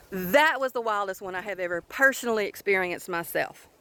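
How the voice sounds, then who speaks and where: Bright-voiced woman telling a testimony. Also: medium pitch, slight background noise. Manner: earnest, emphatic storytelling with many restarts. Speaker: ministry leader and author. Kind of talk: casual testimony to viewers.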